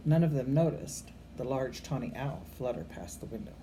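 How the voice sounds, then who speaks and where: With a rumbling low voice at normal speed, a grandmotherly older woman reads a storybook aloud to children. Her delivery is expressive, homely and unpolished, with occasional stumbles she corrects and casual asides to her young listeners. Faint background noise marks this amateur recording.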